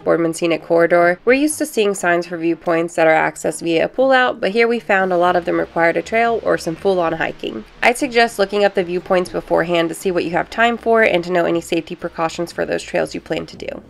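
A woman narrating her coastal road trip as a travel vlogger, calm and informative. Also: lowish voice, quick pace, vocal fry, few pauses. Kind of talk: travel vlog voice-over narration.

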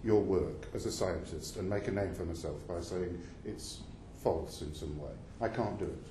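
At a parliamentary committee hearing, a man with a low voice questions a witness at normal speed, pressing insistently while stumbling and restarting his sentences. The hall sounds roomy, with faint background noise.

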